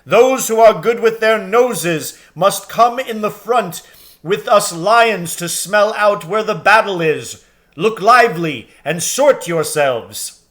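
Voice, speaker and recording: A man voicing a great lion who leads an army, calling out orders loudly and urgently in a storybook reading. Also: high voice, animated, takes it slowly, voice pushed up, exaggerated voice. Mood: commanding. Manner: loud, urgent, projecting orders. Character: commanding great lion leader marshalling his army.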